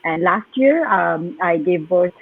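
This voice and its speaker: A woman's voice: fairly low pitch, lively intonation, slow, vocal fry, slightly rough, no room sound. A woman from Pakistan, a guest in a live online interview, speaking earnestly with frequent fillers over a video call. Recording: tinny phone-like call line.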